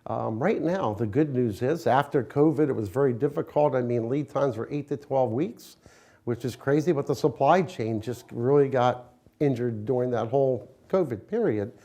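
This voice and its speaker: Man, American accent, soft mellow tone, folksy plain-spoken business owner, explaining and promoting in an interview. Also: medium pitch, moderate pace. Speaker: window company owner, interviewee.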